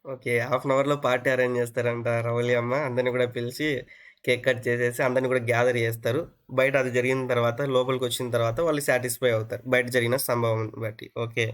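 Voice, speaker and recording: A man gives a sermon at a rapid clip, stopping to put questions to his listeners and circling back over his own phrases. He slips English words in among his sentences, and his voice sits at an ordinary mid pitch. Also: level tone. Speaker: preacher. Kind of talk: interactive sermon on an online call.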